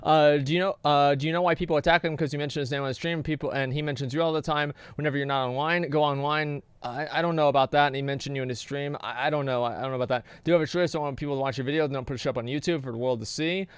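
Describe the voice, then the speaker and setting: A male streamer chatting casually and reading out donations, rambling and restarting his words as he goes. He talks fast with a smooth, clear voice. The sound is dry and close. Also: on the high side, fairly even intonation, no echo. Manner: rambling, hesitant, repeats words.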